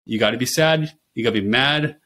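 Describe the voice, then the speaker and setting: A middle-aged man, a nurse and podcast guest, chatting casually and telling lively stories with frequent laughter. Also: medium pitch, a little fast, slight background noise. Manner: animated storyteller who laughs often. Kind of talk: casual interview chat.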